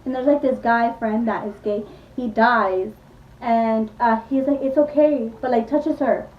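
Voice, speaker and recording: A young-sounding woman with a high voice chats her way through a movie plot, piling on "like" and acting out quotes. She sits back from the mic in an echoey room, and the sound is a little dull. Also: a little slow, distant mic. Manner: rambling, full of "like", acts out quotes. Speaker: beauty vlogger. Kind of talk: casual retelling of a movie plot.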